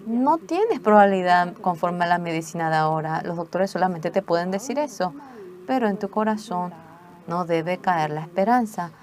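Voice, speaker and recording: A woman's voice: lowish voice, lively intonation, normal speed, a little mellow, lightly acted. A woman voicing her firm, loving middle-aged mother, who urges her in a stern, insistent way.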